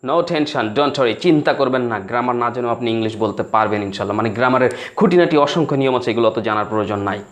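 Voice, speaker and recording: A man's voice: medium pitch, fast, few pauses. A Bengali-speaking man teaching spoken English, explaining in Bengali and acting out broken English phrases.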